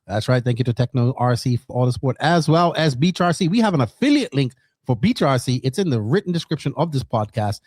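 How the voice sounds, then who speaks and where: A man co-hosting a casual podcast, excitable, swearing and whooping with enthusiasm. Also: mid-range voice, fast, no room sound, clean studio sound. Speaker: podcast co-host.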